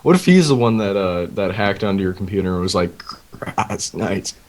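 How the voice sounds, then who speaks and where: A man's voice: low voice, expressive, fast talker, darkish tone. A man co-hosting a casual podcast, laid-back and chuckling along. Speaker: podcast co-host. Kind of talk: casual chat.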